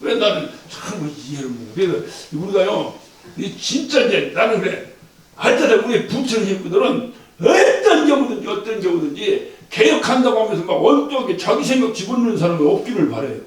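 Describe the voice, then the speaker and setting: Lively pastor preaching in an echoey hall. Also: male voice, high-pitched, brisk. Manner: animated, chuckles while preaching, asks the congregation questions. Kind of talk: sermon. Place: church sanctuary. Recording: echoey church hall from far off.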